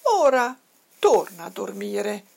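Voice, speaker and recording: A patient mother bear from a storybook, drowsy and grumbling, as a woman voices her. Her voice sounds slightly husky. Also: medium pitch, sing-song, slow pace, a little mellow, heavily acted. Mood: sleepy.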